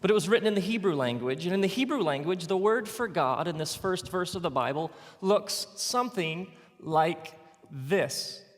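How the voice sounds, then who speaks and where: A man with a fairly high voice teaches on the Bible from a stage, drawing out words with dramatic pauses and slipping in playful asides. He gets the audience to repeat words back to him. His voice rings with the long reverb of a large live venue. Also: expressive.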